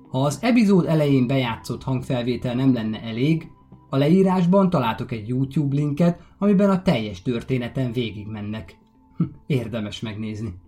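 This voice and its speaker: A man narrates a true crime podcast at a calm, measured pace. His voice is mellow and warm. Faint music plays underneath. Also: mid-range voice. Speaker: podcast host.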